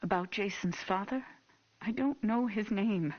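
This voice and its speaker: An unhinged, vengeful American mother in a dramatic horror game. Her voice is husky and curt, heavy with grief and menace. It comes through a dull, muffled old tape. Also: mid-range voice, measured pace. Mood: haunted. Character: unhinged, grieving, vengeful mother of a lost boy. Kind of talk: dramatic game voice acting as a taped police interview.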